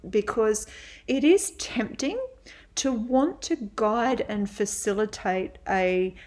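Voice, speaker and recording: A middle-aged woman, a physiotherapist and yoga teacher, giving a webinar lecture in a measured way with frequent pauses. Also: mid-range voice, a little mellow.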